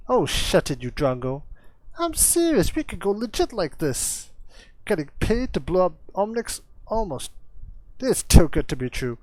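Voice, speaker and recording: A man voicing a manic young male Australian demolitionist, wild and excitable, with an attempted Australian twang. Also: high voice, measured pace, no room sound, voice pushed up.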